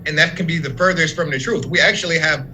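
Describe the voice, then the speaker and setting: Young adult man, interview guest, earnest and explanatory, bright forward tone. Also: a little high, quick pace, slight background noise, poor audio. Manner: earnest, speaks in long run-on explanations. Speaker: fatherhood program worker, guest. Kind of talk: casual interview talk.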